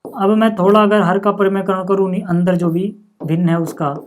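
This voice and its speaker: A man teaching maths in a steady, patient way, breaking each calculation into small steps. He keeps asking the class what comes next and then answers himself. He often pauses to check in before moving on. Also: high voice. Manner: patient, asks the class rhetorical questions then answers them; frequent checking-in with "okay" and "see". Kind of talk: step-by-step blackboard-style maths lesson.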